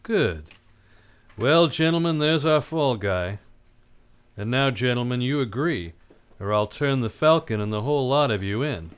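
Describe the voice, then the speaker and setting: An actor playing a tough, defiant private detective in an old-time radio drama, blunt and commanding. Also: male voice, medium pitch, lively intonation, a little slow, clear, resonant tone, natural voice.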